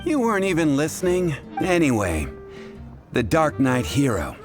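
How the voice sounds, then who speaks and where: An actor playing a composed, wry bartender in a video game, speaking in a measured, dry and polite way. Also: male voice, fairly high pitch, wildly swooping pitch. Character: wry, composed male tavern bartender sharing rumors. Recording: prominent music behind the voice.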